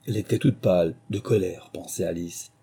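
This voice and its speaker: Man, storybook narration, very dark mellow voice, slightly husky. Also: deep voice. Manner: measured, expressive narration. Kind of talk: storybook reading.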